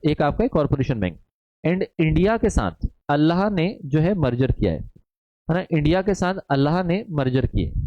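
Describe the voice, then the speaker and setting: A man's voice: on the high side, dry recording. A man teaching a live online exam-prep lecture, chatty and repetitive, often checking in with his students. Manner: chatty, repeats "है ना" constantly, reads student chat aloud. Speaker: online commerce exam tutor. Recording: dull dry lo-fi stream audio.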